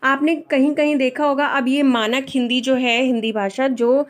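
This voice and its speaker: A woman's voice: sits high, fairly even intonation, moderate pace. A woman teaching a language lesson, patiently explaining and repeating each pronunciation.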